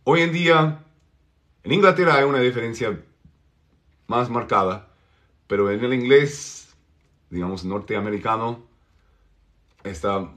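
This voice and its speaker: A man teaching an English pronunciation lesson, slowly drawing out vowel sounds to demonstrate them. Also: mid-range voice, lively intonation, a bit bright.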